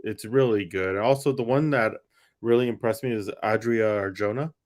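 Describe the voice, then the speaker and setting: A man's voice: lowish voice, brisk, darkish tone. A man co-hosting a casual chat about a TV premiere, easygoing and teasing. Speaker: watch party co-host. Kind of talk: casual pop-culture chat.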